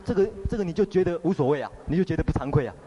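A man's voice: a little high, animated, rapid-fire, mellow, dull audio, a little hiss or hum, pitched above the performer's own voice, lightly acted. A man voicing a wise old meditation master admonishing his disciple. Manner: admonishing, instructive.

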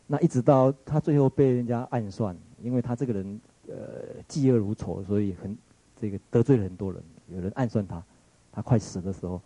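A man's voice: on the low side, warm tone, dry recording, rough recording. A man with a Taiwanese Mandarin accent giving a reflective lecture, retelling a story in a musing way, often searching for words and restarting.

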